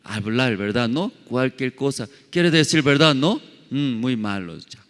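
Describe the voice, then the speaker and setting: A male pastor preaching a sermon in halting, non-native Spanish, throwing many questions at his congregation and padding his phrases with fillers. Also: medium pitch, animated, a bit bright. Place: church sanctuary. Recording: long hall reverb.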